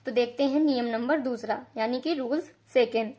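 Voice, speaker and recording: A woman teaching English pronunciation rules, explaining slowly and patiently, repeating each rule and spelling out example words. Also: fairly high pitch, darkish tone. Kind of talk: slow classroom-style explanation.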